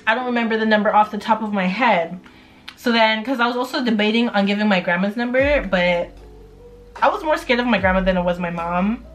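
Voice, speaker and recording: A woman's voice: medium pitch, brisk, faint music behind. A young adult woman vlogging at home, telling a personal story in a candid, chatty way, full of fillers and the odd swear word. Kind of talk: casual story time. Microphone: camera mic.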